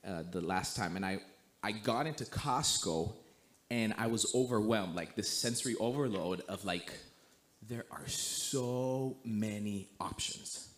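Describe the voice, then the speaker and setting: A young man from Romania, a guest missionary, telling a story in a relaxed way, full of "like" and "you know". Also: on the low side, a little slow. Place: church sanctuary.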